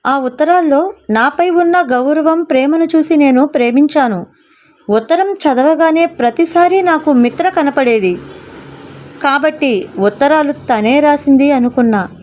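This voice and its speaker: A woman's voice: high voice, unhurried, a little mellow. A woman voicing a remorseful young man who reproaches himself and explains earnestly in a storybook reading. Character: remorseful young husband, regretful lover.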